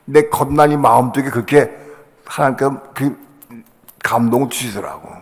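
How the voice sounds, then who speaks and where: An older male pastor preaches in a church, his voice carrying a long hall reverb. He tells his story with dramatic shifts, breaking into loud cries when he acts out the scene. His pitch sits in a middle range for a man. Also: normal speed. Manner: storytelling, acting out voices with sudden loud bursts. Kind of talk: sermon testimony. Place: church sanctuary.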